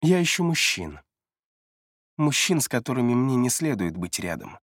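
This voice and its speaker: A man reading an audiobook, voicing a calm, knowing female therapist who talks in a level, quietly provocative way. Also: medium pitch, normal speed, no echo, studio quality. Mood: cool, probing. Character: calm, probing female therapist, middle-aged.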